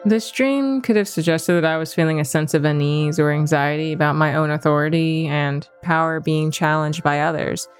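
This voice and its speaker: Low-voiced woman narrating a dream. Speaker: dream storyteller. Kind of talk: reading a dream story aloud, then casual reflection.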